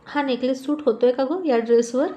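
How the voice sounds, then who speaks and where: A woman's voice: high voice, brisk, warm tone, lo-fi sound, lightly acted. A woman voicing a pampered young adult sister who is whiny and pleading. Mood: pouty.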